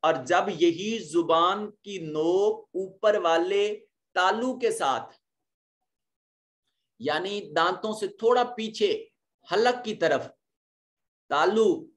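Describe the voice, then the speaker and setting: A man teaching a Quran recitation and tajweed lesson, explaining each rule step by step with small fillers. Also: high voice. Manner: slow drawn-out chanted recitation.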